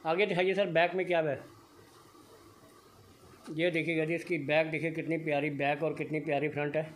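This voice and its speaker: A shop video vlogger from Punjab, India, films a walkthrough of an indoor blanket shop on his phone. His fairly high voice is flat and moderately paced, with a little hiss or hum, as he praises the goods in upbeat, repetitive sales patter.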